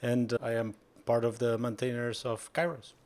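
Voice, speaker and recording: A man's voice: medium pitch, little pitch movement, moderate pace, a little mellow. A man from Guatemala, a guest giving thoughtful, explanatory interview answers. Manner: thoughtful, explanatory, with light laughs. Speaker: guest, software maintainer.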